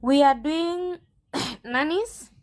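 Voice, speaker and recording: An assertive woman with a Kenyan accent speaks as an agency owner in an interview. Her voice is notably high, and she argues her points firmly. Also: extremely slow. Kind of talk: interview guest.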